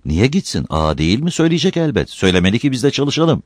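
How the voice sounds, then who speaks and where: A man's voice: mid-range voice, big pitch swings, fast, dry recording, voice pushed up. A man doing an eager, earnest young villager. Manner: eager, pleading.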